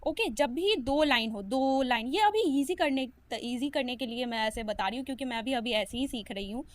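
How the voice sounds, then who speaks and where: A woman's voice: high-pitched, expressive, normal speed, no room sound. A young woman giving a casual step-by-step lesson, patiently repeating each sound and stroke and encouraging her viewers as a learner herself. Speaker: self-taught learner sharing lessons.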